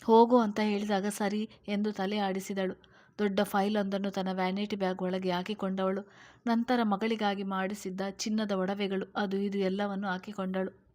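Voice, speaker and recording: A woman narrates an audio story with a steady, measured read. Her pitch sits in a narrow, even band. The pacing is unhurried and plain.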